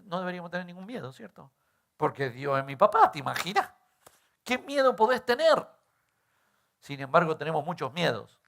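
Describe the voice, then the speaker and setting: A man's voice: high-pitched, vocal fry, a bit bright. A middle-aged male pastor, preaching in a conversational way and often tagging on rhetorical questions. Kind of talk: sermon.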